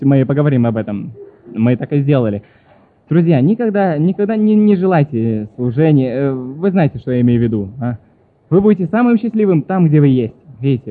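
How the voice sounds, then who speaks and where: A man preaching a sermon, reading questions aloud and answering them, often correcting himself and apologizing. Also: a little high. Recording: tinny phone-like sound.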